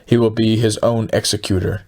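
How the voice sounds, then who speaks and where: A man reads out a low-voiced scheming schemer in a storybook, talking fast and sinister as he gloats over his plot. The voice sits on the low side and sounds excited and conspiratorial. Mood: gloating. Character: scheming, gloating poor middle-aged man plotting a crime.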